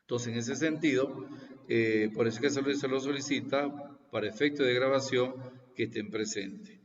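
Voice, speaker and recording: A man in his sixties lectures students on a video call, explaining things slowly and repeating points, often pausing to check they follow. His voice comes from a distance in a roomy space. The call audio sounds dull. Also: medium pitch. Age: 60s. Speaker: university lecturer. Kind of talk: online class introduction.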